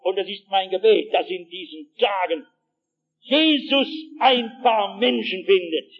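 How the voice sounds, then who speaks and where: A man with a high voice preaches to a gathered audience. He tells his stories with drama, drops to near hushed tones, then rises to loud calls, and keeps turning to the listeners with direct asides. The sound is dull and lo-fi, like an old archive tape. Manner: dramatic storyteller, swings from hushed to shouting. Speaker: pastor. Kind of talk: evangelistic sermon with personal anecdotes.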